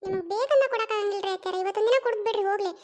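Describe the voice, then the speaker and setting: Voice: very high voice, very fast, a little mellow. A performer voicing an insistent young daughter-in-law in a cartoon, coaxing and pleading with a North Karnataka Kannada accent. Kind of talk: cartoon voice acting.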